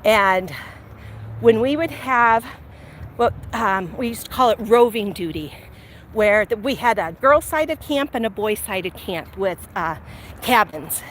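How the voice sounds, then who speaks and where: A woman's voice: medium pitch, a little slow. A middle-aged American woman tells personal stories in a casual, chatty, rambling way while walking. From Illinois, United States. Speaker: vlog host telling personal stories. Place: outdoors while walking, near traffic. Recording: steady ambient and vehicle noise.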